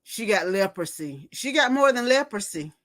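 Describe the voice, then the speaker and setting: Her medium-pitched voice is animated and a bit bright, at a normal speed. The speaker, a woman in her fifties, hosts a casual livestream, gossiping and reading viewer comments aloud before reacting.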